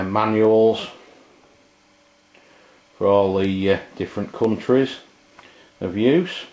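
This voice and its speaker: A man with a low, darkish voice halts and hesitates his way through a casual, unscripted product review. The audio has the dull, lo-fi quality of amateur video.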